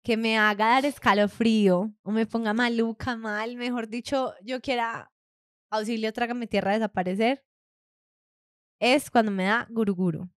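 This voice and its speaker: Woman podcast co-host, higher voice, dry close mic, animated casual storyteller. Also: normal speed, no room sound. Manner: animated storytelling with frequent laughter. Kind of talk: casual chat.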